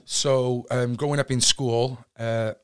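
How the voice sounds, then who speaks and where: A man's voice: mid-range voice, fairly even intonation, slow pace, clean tone. A man in his thirties with a Cardiff accent, an interview guest telling his life story in an open, earnest, rambling way. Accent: Welsh (Cardiff). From Cardiff, Wales. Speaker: podcast guest. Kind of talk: candid personal storytelling.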